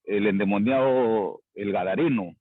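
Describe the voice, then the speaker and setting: Husky student on a dry phone-like line, retells stories, lots of "no?". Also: male voice, fairly low pitch, measured pace, no room sound. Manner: retells scenes, quoting shouts, many "¿no?" tags. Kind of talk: class contribution over a call.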